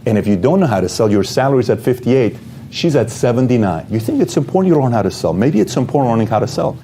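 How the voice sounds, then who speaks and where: A man gives a direct motivational talk, piling up rhetorical questions. His voice is warm and dark in tone. Faint background noise hangs behind him. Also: mid-range voice, sing-song, fast. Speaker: motivational speaker.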